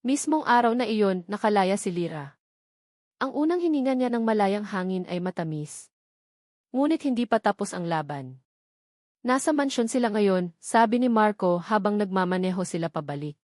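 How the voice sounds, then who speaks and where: A woman narrates a scripted dramatic story in a medium-pitched, darkish voice with lively intonation at a normal speed. The recording is studio quality with no room sound.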